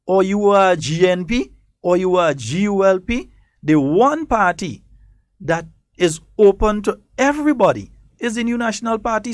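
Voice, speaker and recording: Hosting a political talk show from a radio studio, a high-pitched man with a Trinidadian Grenadian accent speaks defiantly and with emphasis. He repeats his points to drive them home, and the recording is dry.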